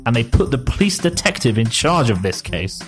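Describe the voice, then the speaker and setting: A man's voice: medium pitch, big pitch swings, brisk, music in the background. A man reading a silly story aloud and chatting about it with a co-host. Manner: reads aloud evenly, breaks into laughter and banter. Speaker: narrator reading a generated story. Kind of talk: comic story reading and podcast chat.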